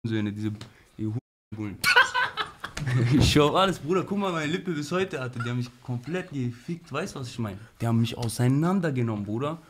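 A man's voice: medium pitch, quick pace, a little hiss or hum. A young man casually telling stories from his past in heavy street slang, with many "bro" and "you know" tags. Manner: animated, slangy, frequent "Bruder" and "weißt du". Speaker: interview guest.

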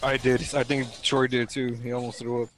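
A man's voice: mid-range voice, level tone, brisk, a bit bright, slight background noise. A man chatting casually with a friend, laughing so hard he is breathless and has the hiccups. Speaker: gaming video co-star. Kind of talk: casual chat between friends.

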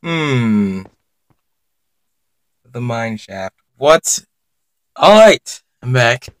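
A young gaming YouTuber chats casually with viewers and reacts out loud while playing, giving commentary for his channel. His medium-pitched voice is very animated yet very slow, on a low-quality recording without echo.

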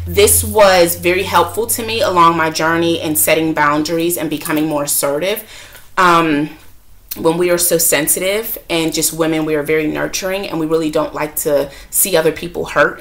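A woman vlogger talks straight to her viewers in a candid, conversational way. Her voice sits a little on the low side, and she's expressive, slipping into other people's voices when she retells a moment. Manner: chatty, frank and expressive, acting out quoted voices. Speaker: self-help vlogger and mother. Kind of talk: candid talk to camera.

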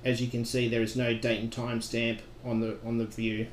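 Speaking at a normal pace in a fairly monotone, mid-pitched voice, a male software trainer walks through setup steps for a screen recording. The tone is plainly instructional, and the echoey audio with background noise sounds like an untreated room.

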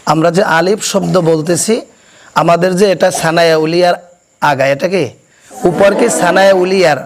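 A man teaching children to pronounce Arabic letters, explaining slowly and quizzing his pupils so they repeat after him. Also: high-pitched, fairly even intonation, background noise. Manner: asks questions and has pupils repeat; slow, deliberate explanation. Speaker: Quran teacher. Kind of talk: classroom recitation lesson. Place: madrasa classroom.

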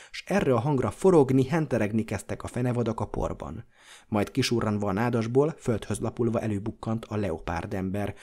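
A man reading a classic horror novel aloud as an audiobook narrator, in a measured, dramatic way. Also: on the low side, darkish tone, husky.

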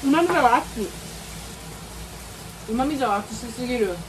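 A woman's voice: on the high side, expressive, normal speed, distant mic. A woman chatting casually with her mouth full, chewing as she playfully exclaims over her food at home. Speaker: mukbang streamer. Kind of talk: casual eating chat. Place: home, indoors, cooking at a tabletop grill. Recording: loud sizzling grill noise.

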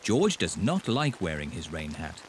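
Deep, matter-of-fact cartoon narrator man. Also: sing-song, a little slow, loud music behind the voice.

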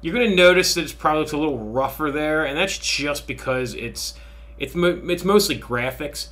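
A man teaching a machining software lesson, talking through each setting in a relaxed, thinking-aloud way with frequent fillers. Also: fairly high pitch, moderate pace. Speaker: machining instructor. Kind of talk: software tutorial screen recording.

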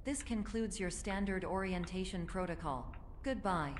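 A woman voicing a malfunctioning computer guide in a video game, with a glitching robotic sound and a flat, formal manner. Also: on the low side, moderate pace, a little hiss or hum. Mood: clinical. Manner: flat, formal, announces each step. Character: malfunctioning female computer guide, cold and clinical.

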